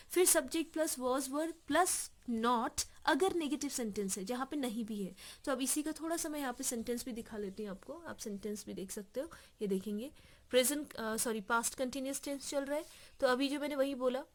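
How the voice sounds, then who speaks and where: Patient Indian woman teaching English grammar. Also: high voice. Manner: patient, repeats rules and checks in with "ठीक है"; slows down to read English example sentences. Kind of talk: explaining grammar in Hindi with English examples.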